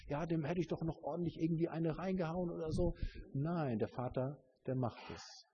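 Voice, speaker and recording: A man's voice: a little high, moderate pace, dull audio, slight background noise. A man preaching a sermon in an earnest, searching way, with many fillers and restarts.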